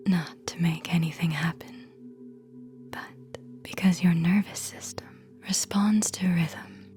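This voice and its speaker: Whispering in a lowish, slightly mellow voice, a woman leads an ASMR sleep meditation, soothing and hypnotic, using short phrases with long pauses between them.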